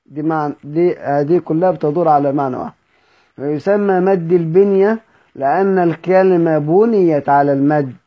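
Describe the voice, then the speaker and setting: Egyptian male teacher in a study session, a bit high-pitched, repeats and quizzes students, muffled recording. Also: fairly quick. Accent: Egyptian Arabic. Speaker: Quran recitation teacher.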